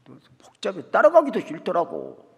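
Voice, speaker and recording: A middle-aged male guest pastor preaching a revival sermon, telling a story with acted-out dialogue and swinging between soft asides and loud outbursts. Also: high-pitched, wildly swooping pitch, a little fast. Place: church sanctuary. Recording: long reverb in a church hall.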